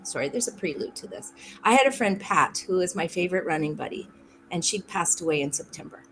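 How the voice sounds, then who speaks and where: A woman from Saskatchewan telling a long personal story as a podcast guest, animated, often laughing and acting out quotes. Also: on the low side, a little fast, slight background noise, low-quality recording. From Saskatchewan, Canada. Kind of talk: storytelling in a conversation.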